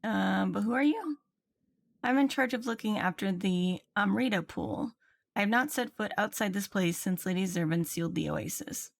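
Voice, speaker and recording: She's a livestreamer talking casually as she plays, reading aloud and muttering now and then. Her medium-pitched voice carries vocal fry, sounds expressive, and moves at a moderate pace, all over game music in the background.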